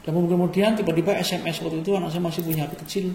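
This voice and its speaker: A man tells a heartfelt personal testimony at a quick pace, his voice sitting a little high. He earnestly acts out remembered prayers and exchanges. The room is echoey, with faint ambient noise behind him. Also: fairly even intonation, darkish tone. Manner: earnest, quotes prayers and dialogue aloud. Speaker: interview guest.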